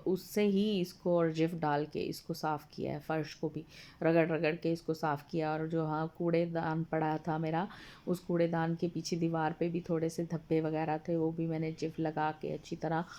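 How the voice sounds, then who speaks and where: Woman, home vlogger voice-over, slightly hoarse, low, flat and mellow, homely and polite. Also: normal speed. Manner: chatty and homely, addresses viewers politely. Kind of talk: casual voice-over narration of a home video. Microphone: voice-over recorded apart from the video.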